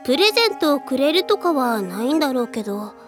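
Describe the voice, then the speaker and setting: A woman's voice: high voice, very animated, quick pace, over music. A woman voicing an easygoing, friendly teenage girl with casual, wry remarks.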